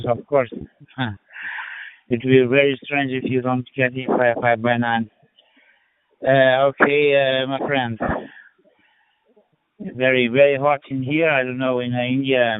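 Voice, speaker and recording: A friendly man from Portugal chats over ham radio, pausing and hesitating as he talks. His voice comes through static and a narrow radio band that sounds like a phone line. It is crisp and dry. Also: mid-range voice, dry recording. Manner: chatty, friendly, many hesitations. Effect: heard over ham radio with static. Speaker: amateur radio operator. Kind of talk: casual radio contact chat.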